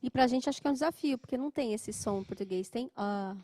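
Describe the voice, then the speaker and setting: A Brazilian woman with a fairly high voice co-teaches an English class. She echoes the practice words back briskly, recorded close and dry. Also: warm tone. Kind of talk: class repeat-after-me practice.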